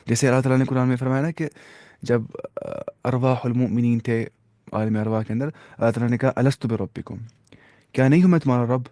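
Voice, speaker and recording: A man explains Arabic grammar rules, slipping English terms into his talk and reading Arabic examples slowly. His voice is warm and mellow, with conversational fillers. The sound is dry and close, with no room around it. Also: medium pitch, flat delivery, no echo. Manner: conversational, with fillers and self-corrections. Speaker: Arabic teacher.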